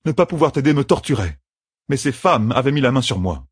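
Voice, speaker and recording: A man's voice: medium pitch, animated, brisk, husky, no echo, clean studio sound, voice pushed up. A man voicing a defensive, brooding young prince in an audiobook, protesting earnestly. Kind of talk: audiobook character voice.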